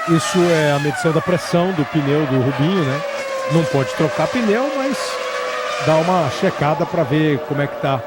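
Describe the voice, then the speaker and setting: A man's voice: a little high, expressive, moderate pace. A Brazilian man working as lead motorsport commentator, calling race positions and lap times live. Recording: loud race-car engine noise. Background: race cars and engines roaring.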